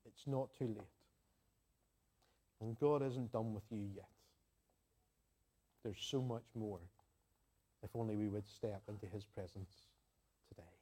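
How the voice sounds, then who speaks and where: An earnest man from Northern Ireland, with an Ulster accent, gives a conversational sermon to a congregation, using homely anecdotes, prayer and repeated phrases for emphasis. His voice is on the low side and dark with a breathy edge, a little slow, with long pauses.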